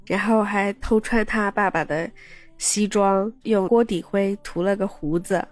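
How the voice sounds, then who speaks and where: A woman's voice: mid-range voice, a little slow, no room sound, faint music behind. A woman podcast host casually retelling a story, chatty, with personal asides to her listeners.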